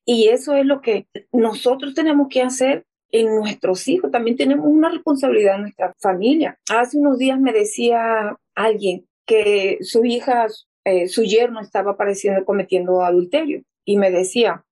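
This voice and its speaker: Earnest woman, warm mellow voice. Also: on the high side, moderate pace, hardly any pauses, poor audio. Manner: earnest storyteller, acting out quoted voices.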